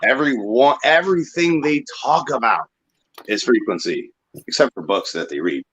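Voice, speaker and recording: A man's voice: mid-range voice, animated, moderate pace, fairly bright tone, lo-fi sound, a little hiss or hum. A man from Ohio chatting casually on a group stream, swearing and preaching about belief and frequency. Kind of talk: casual chat.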